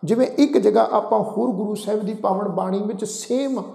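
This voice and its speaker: Punjabi man, high gravelly voice, scripture pronunciation lesson, reverberant room. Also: brisk, mellow. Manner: addresses the congregation often, spells words letter by letter. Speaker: Gurbani pronunciation teacher. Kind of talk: religious lesson, slow careful recitation.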